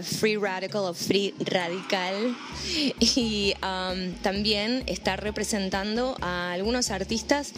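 A woman hosting a relaxed radio interview in a café, chatty and full of small fillers. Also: mid-range voice. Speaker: radio show host. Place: vegan café.

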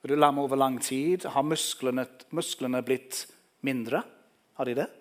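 A man preaching a sermon, telling the story vividly and speaking directly to the listeners. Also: medium pitch.

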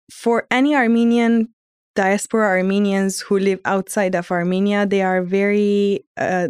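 A woman's voice: medium pitch, clean tone, dry recording, clean studio sound. A young woman, earnestly telling her own story on a podcast, often restarting her phrases. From Lebanon. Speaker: student guest. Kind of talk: reflective personal podcast storytelling.

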